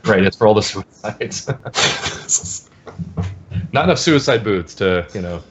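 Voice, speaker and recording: A man's voice: on the low side, expressive, slow pace, a bit bright, slight background noise. A man, a game developer, chatting loosely and jokingly on a podcast. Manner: loose and rambling, jokey. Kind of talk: casual podcast chat. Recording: dull lo-fi recording.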